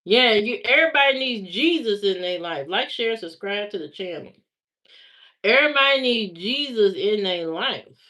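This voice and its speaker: This Indiana woman chats on a livestream, talking back to viewer comments and repeating her words along the way. She has a mid-range, expressive voice with a sharp tone, moving at a normal speed. The sound is slightly muffled, typical lo-fi stream quality.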